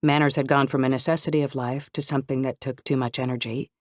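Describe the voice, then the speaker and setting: Male narrator, mid pitch, even first-person read, dry booth sound. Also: fast talker, no echo. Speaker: audiobook narrator.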